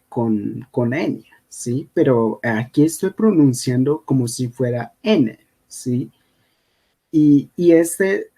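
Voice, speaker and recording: Speaking with a warm, mid-range voice, a native Kogui speaker leads a slide-based language lesson. His pace is unhurried, and he frequently asks "¿sí?" to make sure the listener is following.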